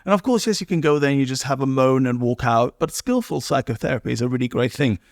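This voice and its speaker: Guy hosting a podcast, calm and reflective, tosses in "isn't it", dry sound. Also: medium pitch, fast talker, no echo. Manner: thoughtful, asks tag questions. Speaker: podcast host. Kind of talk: reflective interview talk.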